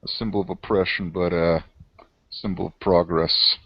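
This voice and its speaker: Man playing an earnest deep-voiced vampire. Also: flat delivery, normal speed, husky, no room sound. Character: earnest male vampire giving a gift. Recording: muffled, dry lo-fi.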